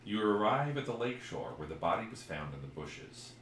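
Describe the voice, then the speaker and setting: A podcast co-host with a lowish, very animated voice talks at a normal speed, chatting casually and reading a mystery game aloud. He's live-streaming from an echoey room, and the recording carries roomy echo and background noise.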